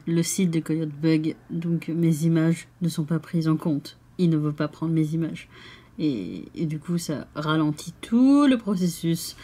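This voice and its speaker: A young woman talks casually to her camera, laughing easily and growing excited over small things. Her voice sits a little low and sounds soft and mellow. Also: slightly rough. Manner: chatty, giggly, gets excited unboxing. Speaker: vlogger. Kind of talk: casual vlog chat.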